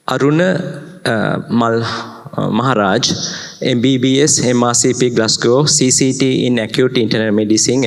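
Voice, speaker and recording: A man's voice: medium pitch, gravelly. Guy chairing a medical conference, lots of uh, echoey big hall. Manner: halting, many uh fillers. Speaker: session chair introducing the speaker. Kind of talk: formal conference introduction. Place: large lecture hall. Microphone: podium microphone. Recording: long reverb of a conference hall.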